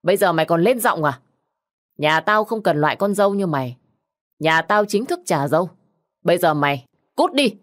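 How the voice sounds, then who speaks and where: A woman's voice: lowish voice, expressive, moderate pace, pauses often, natural voice. A woman voicing a domineering older aunt who barks contemptuous orders. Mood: scornful.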